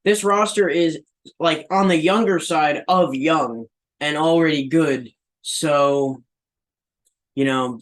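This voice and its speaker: A relaxed young man chatting on a sports podcast. His voice sits a little high, and he keeps things loose and easygoing. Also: rough recording. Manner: laid-back, says dude and man a lot. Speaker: podcast co-host. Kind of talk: casual sports podcast chat.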